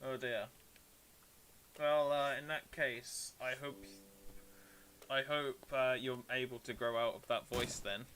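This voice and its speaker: A British man streams a game, speaking slowly with long pauses in a steady, somewhat bright mid-range voice. He chats casually with viewers, answering them as he rambles and jokes at his own expense.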